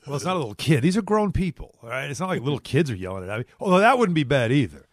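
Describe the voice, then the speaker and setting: Middle-aged male sports radio host, fifties, slightly high voice, emphatic and conversational, very dry recording. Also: big pitch swings, very fast, no room sound. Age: 50s. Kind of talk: casual sports talk chat.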